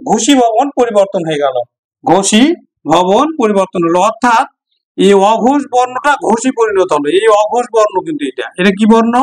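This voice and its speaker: A man's voice: very high-pitched, poor audio. A man with a Bangladeshi Bengali accent teaching an exam-prep grammar lesson, going step by step, repeating examples and answering his own questions.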